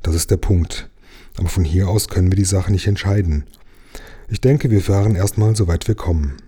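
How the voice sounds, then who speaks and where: A man voicing a calm, friendly, polite engine driver while reading a storybook aloud. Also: low-pitched, a little fast, breathy edge. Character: calm, kindly adult engine driver, pipe-smoking.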